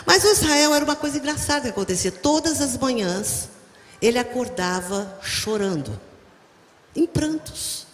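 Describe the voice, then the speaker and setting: A woman's voice: on the high side, expressive, moderate pace. A middle-aged woman pastor with a Brazilian Portuguese accent, preaching a sermon with humorous stories and speaking directly to the congregation. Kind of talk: sermon with storytelling. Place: church hall. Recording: echoey hall, faint ambience.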